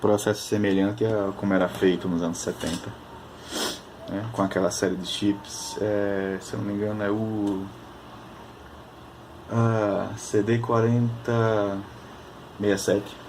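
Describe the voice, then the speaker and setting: A man chatting casually at his workbench, explaining technical details while thinking aloud, often pausing and restarting. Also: lowish voice, flat delivery, a little mellow, slight background noise. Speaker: electronics hobbyist.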